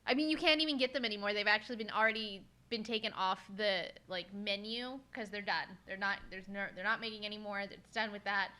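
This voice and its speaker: A woman's voice: medium pitch, steady tone, a little fast, hardly any pauses, sharp tone. A woman co-hosting a casual chat show, talking loosely with lots of fillers and swearing. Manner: chatty, swears, many fillers. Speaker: podcast co-host.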